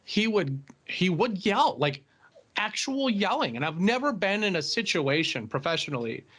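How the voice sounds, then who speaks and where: High-voiced man, animated podcast anecdote, chuckling as he goes. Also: normal speed, breathy edge. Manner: animated storyteller, laughs while telling. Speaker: podcast co-host. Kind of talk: casual podcast chat.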